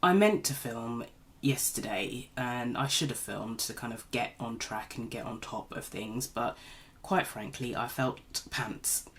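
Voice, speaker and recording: A beauty vlogger with a bass voice talks a little slowly as she does her makeup at home. She's getting over a cold, so she sounds slightly nasal, and her casual tutorial chat rambles and pokes fun at herself.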